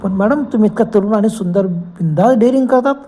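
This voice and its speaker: A man's voice: sits high, fast, dark tone, a little hiss or hum, lightly acted. A man voicing a leering young street thug with a mocking, teasing manner.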